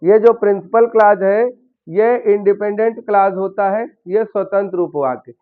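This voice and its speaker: A man's voice: high voice, moderate pace. A man teaching a basic English grammar lesson in Hindi, explaining step by step and asking his learners questions. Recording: tinny phone-like sound.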